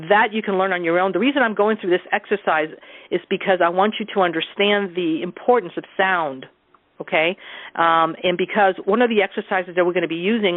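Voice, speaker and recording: Over a muffled, narrow teleconference phone line, a woman with a lowish voice casually guides a group through a sound exercise. She gives instructions informally and frequently checks in with her listeners. The recording is dry and comes through a telephone.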